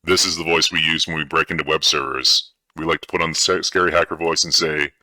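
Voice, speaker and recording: A voice-changed hacker drops into a deep, rumbling register,. The filter leaves a hard, sharp edge on the sound, dry and up close, and the menace is played tongue-in-cheek. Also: male voice, fairly even intonation, fast, dry recording, exaggerated voice. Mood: mock-menacing. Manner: mock-sinister, tongue-in-cheek. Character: menacing male movie hacker, jokey. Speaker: cybersecurity instructor.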